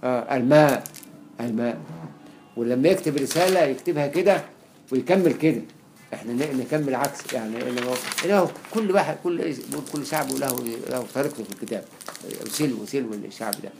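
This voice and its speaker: A man with an Egyptian accent giving a classroom lecture, quickly listing examples and repeating words for emphasis. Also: medium pitch, noisy background. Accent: Egyptian Arabic. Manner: explains quickly with many examples, repeats words to stress them. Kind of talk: classroom lecture on Arabic spelling.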